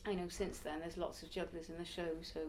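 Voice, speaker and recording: Against a noisy background, a woman in her early forties answers an interview in a lowish, flat, fairly quick voice. A circus performer and teacher of youth circus, she's chatty and reflective and laughs now and then.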